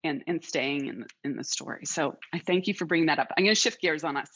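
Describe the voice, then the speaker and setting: A woman's voice: sits low, quick pace, fairly bright tone. Woman interview host, reflective, restarts phrases; muffled lo-fi audio. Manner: thoughtful, restarts phrases, steers the talk. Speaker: podcast host. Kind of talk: casual interview chat.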